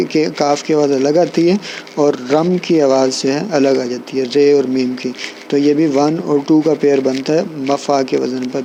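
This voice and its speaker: Male lecturer, somewhat high voice with a gravelly edge; patient, explanatory delivery. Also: dark tone, a little hiss or hum, low-quality recording. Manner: patient, explanatory, often checks in with listeners. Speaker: poetry teacher. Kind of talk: recorded lecture.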